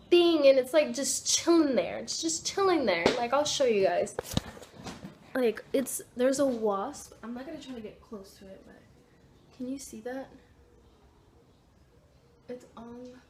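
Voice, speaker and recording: A young woman telling a storytime vlog from her home kitchen, rambling and excitable, with lots of fillers and restarts. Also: mid-range voice, slight background noise. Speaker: vlogger.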